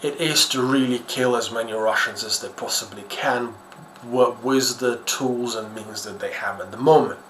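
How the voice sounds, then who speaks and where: A Ukrainian-accented man from Ukraine, working as a YouTuber host, rambles through casual, unscripted commentary with hesitation, bluntness and self-deprecation. His voice sits in the mid-range, is a bit bright, and keeps a moderate pace. The recording has echo and faint background noise.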